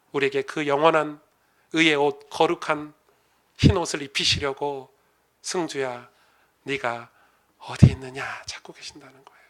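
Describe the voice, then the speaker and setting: A middle-aged male pastor preaching a sermon, dropping to a hush and then building to loud, rising passages. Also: fairly high pitch. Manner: swings from hushed to loud and rising when preaching.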